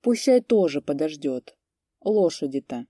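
A woman voicing a gruff, spiteful male peasant horse thief who speaks curtly and mockingly. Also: sits low, big pitch swings, measured pace, mellow, no room sound, studio quality, full character voice. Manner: husky, curt and mocking.

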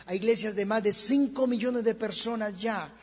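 Impassioned Colombian preacher, raspy and high. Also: male voice, normal speed. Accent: Colombian Spanish. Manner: impassioned, swings from quiet to shouting. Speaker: pastor. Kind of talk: sermon. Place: church hall. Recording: lo-fi church recording with long reverb.

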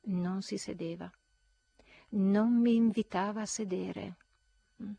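A woman reading a classic novel aloud in an expressive, dramatic way. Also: medium pitch, slow, creaky, dry recording. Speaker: audiobook reader. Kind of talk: literary audiobook reading.

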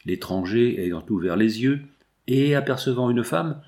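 Man, audiobook narrator, measured formal reading, medium pitch. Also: animated, a little mellow. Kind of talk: classic novel reading.

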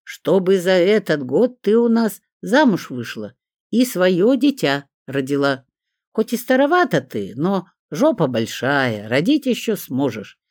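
A reader voicing a gruff, teasing older male boss who gives orders in jest, with lively pitch in a dry recording. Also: normal speed, no room sound. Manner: bossy, teasing, commanding.

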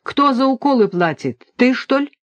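A woman's voice: high voice, lively intonation, normal speed, no room sound, lo-fi sound, pitched above the performer's own voice. A woman voicing a cheerful, commanding young man with a teasing manner in an audiobook. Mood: annoyed. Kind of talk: audiobook reading.

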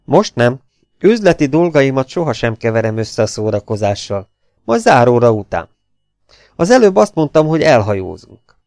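A man reading aloud, voicing a coolly menacing gangster who speaks with smooth, mocking courtesy. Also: medium pitch, big pitch swings, a little mellow, dry recording, studio quality. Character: mock-polite adult male gangster, cool and menacing.

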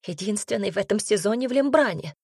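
An anxious woman singer, sighing and pleading for help, as a woman reader voices her. It stays close to the reader's own middle pitch, and the recording is dry and close. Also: lively intonation, quick pace, a little mellow, husky, dry recording. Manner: worried, sighing. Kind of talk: audiobook character reading.

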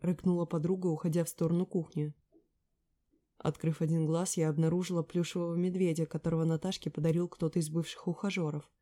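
A woman narrating an audiobook in the first person, with measured, even storytelling. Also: low voice.

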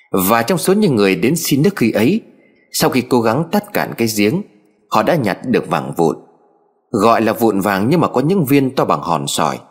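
A man narrating a story in a measured, dramatic way. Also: mid-range voice, slightly rough. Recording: faint background music. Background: faint music.

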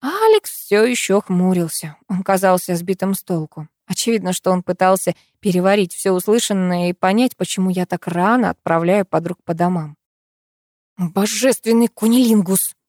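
Expressive woman narrating an audiobook. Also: fairly low pitch, normal speed, few pauses, no echo, clean studio sound. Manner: expressive, lively reading. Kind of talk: first-person novel narration.

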